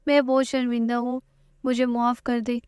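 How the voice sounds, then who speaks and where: A regretful middle-aged mother pleading with her son, read out by a woman narrator. The voice is high and dry, close to the mic. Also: little pitch movement, a little mellow, clear, resonant tone, dry recording, lightly acted. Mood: remorseful. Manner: plain read-aloud quote.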